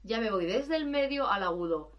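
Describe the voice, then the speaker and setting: Woman, singing teacher, fairly high voice, explains then sings vocal exercises. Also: lively intonation, normal speed, highs cut off. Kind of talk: vocal warm-up demonstration.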